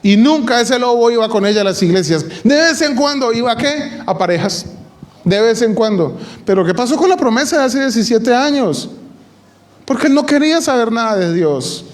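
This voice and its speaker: A man with a notably high voice preaches a sermon to a church gathering. He fires rhetorical questions at the congregation and slips in joking asides between points. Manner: asks the audience rhetorical questions.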